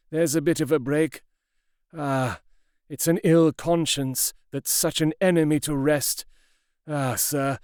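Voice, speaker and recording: A man voicing a fearful elderly male butler in an audiobook, speaking low and confiding. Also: clean tone, no room sound, clean studio sound, lightly acted. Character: fearful old male butler, hushed and grave. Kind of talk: audiobook character reading.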